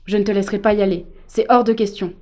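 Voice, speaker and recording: A woman's voice: mid-range voice, little pitch movement, a little fast, gravelly, a little mellow, lightly acted. A woman voicing a distraught young mother who argues and pleads sharply with her husband, in a story reading. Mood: angry.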